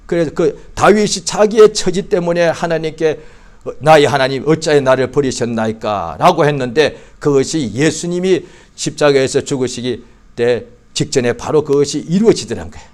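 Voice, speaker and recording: A male pastor preaching a sermon in a church, acting out psalm prayers with mounting fervor and at times shouting. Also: a little high. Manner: acts out psalm prayers in an impassioned voice.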